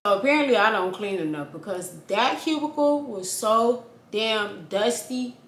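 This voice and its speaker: A young woman chatting to camera in a casual home vlog, slangy and animated as she talks through her cleaning in her apartment. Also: medium pitch, unhurried, over music. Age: young adult. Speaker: lifestyle vlogger. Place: apartment kitchen and living room, indoors. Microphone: handheld or propped camera at close range. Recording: echoey apartment room, faint ambience.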